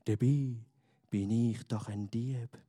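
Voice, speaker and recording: A man voicing a big, gloomy stranger who speaks slowly and grumbles in a storybook reading. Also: fairly even intonation, mellow. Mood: melancholy. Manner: deep, slow and grumbling.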